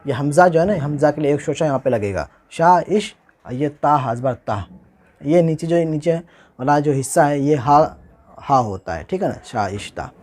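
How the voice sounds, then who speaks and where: A man teaching Urdu handwriting, spelling each word slowly and repeating it, often asking how the letters are joined. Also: fairly high pitch, animated, darkish tone. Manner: slow, patient, repeats each word and asks "how will we join this?". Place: indoors, recording a tutorial without a camera.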